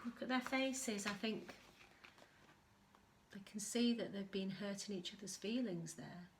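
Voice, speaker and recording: Reading a picture book to young children, an infant school storyteller performs it expressively and pauses to explain things. She has a mid-range voice, and there's slight background noise.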